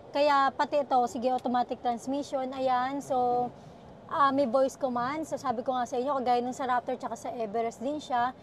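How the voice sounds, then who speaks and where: A woman with a bright, high-pitched voice sells used cars in a casual vlog. She fills her talk with fillers and keeps calling her viewers "guys" as she walks around a pickup. Faint ambient noise from the lot stays behind her voice. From Philippines. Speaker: used car dealer salesperson. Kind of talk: casual car walkaround vlog.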